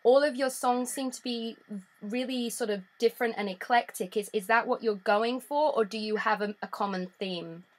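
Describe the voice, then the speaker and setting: A woman presenting and hosting a showbiz interview in a lively, presenter-style delivery. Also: a little high, normal speed.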